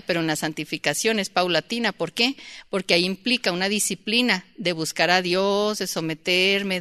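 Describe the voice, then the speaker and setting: Woman, church teacher, bright and sharp tone, conversational delivery with audience questions. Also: mid-range voice, smooth. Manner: acts out shouting mother and child in quotes. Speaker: Bible teacher.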